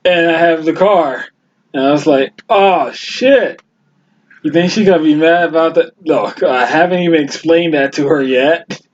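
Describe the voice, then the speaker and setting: A man's voice: on the high side, unhurried. A man co-hosting a podcast in casual chat, laid-back, recalling a night out. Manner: laid-back, chiming in with short agreements. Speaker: podcast co-host. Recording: dull lo-fi audio with faint background noise.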